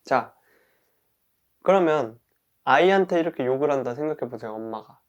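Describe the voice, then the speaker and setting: A man teaching about caring for one's own mind, calmly explaining with everyday examples and sometimes dropping into a soft murmur for gentle self-talk. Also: mid-range voice, moderate pace. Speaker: mind-body wellness instructor.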